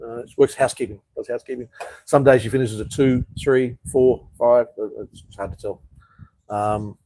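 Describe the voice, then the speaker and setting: A man's voice: mid-range voice, steady tone, moderate pace, mellow, dry recording, rough recording. An Australian man hosting a casual live chat, reading viewer comments and answering bluntly, swearing often and calling people "mate".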